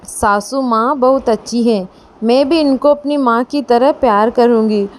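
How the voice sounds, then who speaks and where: A woman voicing a shy, respectful young bride who speaks politely and softly. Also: on the high side, a little slow, lightly acted. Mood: earnest. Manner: polite, soft-spoken.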